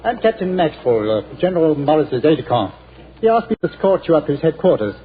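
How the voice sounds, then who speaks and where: A polite young army captain in 1940s radio acting. His voice is slightly high and lively, and his manner is courteous. The recording is thin and tinny. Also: fast, slight background noise.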